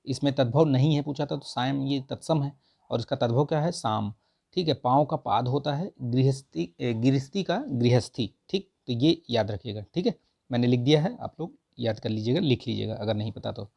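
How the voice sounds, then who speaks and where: Gravelly-voiced male Hindi tutor. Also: medium pitch, normal speed, a little mellow. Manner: repetitive, drills answers with "ठीक है" and "याद रखिएगा"; asks questions then answers them himself. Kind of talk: test answer walkthrough lesson.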